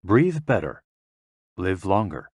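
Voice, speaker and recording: A man narrating a nonfiction audiobook in a calm, measured reading of instructions and explanations. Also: low voice, husky, no echo, studio quality.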